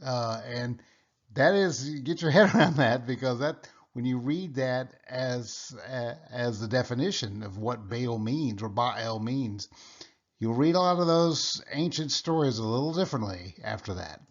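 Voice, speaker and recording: A man teaching a casual Bible study lecture, explaining step by step, often pausing with "uh" and restarting his sentences. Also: mid-range voice, animated, muffled recording. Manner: halting, with frequent "uh" and restarts; explanatory, checks in with "okay?".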